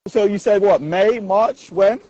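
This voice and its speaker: A man joining a casual chat as a remote guest, heard over a call line, animated and repeating himself. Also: high voice, a little slow, dry recording, highs cut off.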